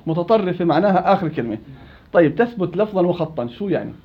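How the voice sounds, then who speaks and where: A high-pitched man runs a quick-fire recitation lesson, calling on students by name and teasing them along. The recording is dull and lo-fi. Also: animated. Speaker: Quran recitation teacher. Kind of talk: interactive classroom lesson.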